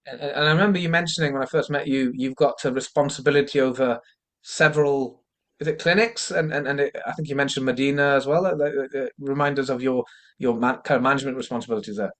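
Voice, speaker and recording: A man's voice: medium pitch, fairly even intonation, fast, fairly bright tone. A man hosting an informal interview, asking long questions in a hesitant way and often repeating his phrases. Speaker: interviewer, coach.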